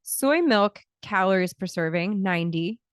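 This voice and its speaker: A woman in her thirties talks through a solo health podcast in a relaxed, explanatory way, often restarting her sentences. Her voice is smooth and clear at a middle pitch. She speaks close to a studio mic in a dry, dead room. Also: unhurried, no room sound. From Scotland, early childhood. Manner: conversational, explanatory, frequent restarts and fillers. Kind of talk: casual solo podcast talk. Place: small home studio, indoors. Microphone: large studio mic close to the mouth.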